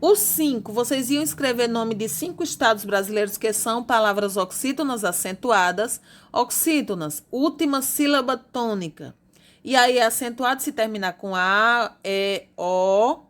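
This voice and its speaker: A woman teacher from Brazil, patiently going over homework answers and spelling out grammar rules slowly. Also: a little high, animated. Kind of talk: recorded classroom lesson correcting homework.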